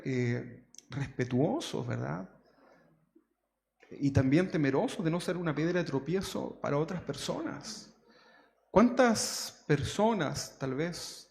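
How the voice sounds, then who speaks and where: Preaching conversationally in a church hall with long reverb, a pastor from Chile speaks in a gravelly, slightly mellow voice on the high side. He constantly adds tag questions aimed at his congregation.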